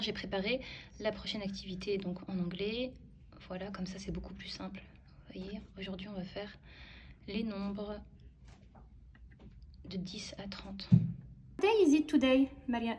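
Steady and unhurried, this mid-range female voice comes from a home-schooling mother in her thirties recording a vlog at home over slight background noise. She chats casually and explains things as she teaches her children.

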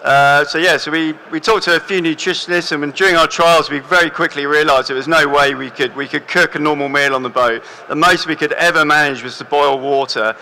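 A young man giving a stage talk to an audience in a large hall, relaxed and full of fillers and restarts. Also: on the high side, a little fast, hardly any pauses, a little hiss or hum. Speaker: presenter.

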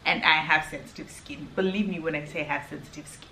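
A quick, pushed, bright voice sitting low belongs to this non-native English-speaking beauty vlogger in her thirties, who chats earnestly about skincare to a camera at arm's length and keeps restarting. The hotel room is echoey with a faint hum.

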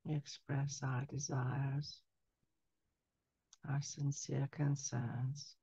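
A woman in her sixties speaking as a trance medium, solemnly delivering a spiritual message in measured phrases with long pauses. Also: rumbling low, flat delivery, dark tone, breathy edge, no echo. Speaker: trance channeler. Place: small candlelit room indoors. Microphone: headset boom mic. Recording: dull, lo-fi headset sound.

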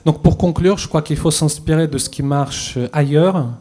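A man in his thirties, speaking as a policy expert on a conference panel, reads a prepared statement through a handheld mic in front of an audience. His warm voice sits on the high side, and his measured delivery stumbles with many fillers and restarts.

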